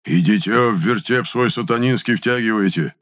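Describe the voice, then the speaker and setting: A man voicing a burly, angry peasant with a hoarse, growling voice. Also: on the low side, normal speed, fairly bright tone, pitched above the performer's own voice, natural voice. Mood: hostile, hoarse.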